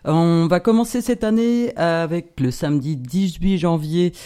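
A woman's voice: lowish voice, measured pace, dark tone. A woman presenting upcoming concerts on a radio show, in a playful chat full of hesitant fillers. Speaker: concert programmer on a radio guest spot. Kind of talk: casual radio chat announcing events.

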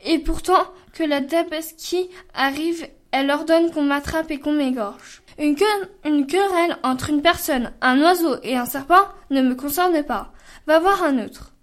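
A woman, a student reader, reading a folk tale aloud with an expressive voice. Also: high-pitched, unhurried.

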